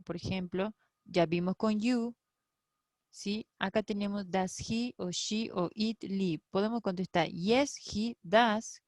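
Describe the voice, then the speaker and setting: A woman's voice: mid-range voice, no echo. A woman teaching an English grammar lesson, explaining patiently and often checking in with her students.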